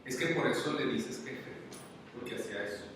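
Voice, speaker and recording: Speaking brisk and animated in a mid-range voice, this Mexican-accented man gives a motivational talk to a crowd, keeping it conversational and peppering listeners with questions. He's a conference speaker in a large hall, and the recording is distant, very echoey and faintly noisy.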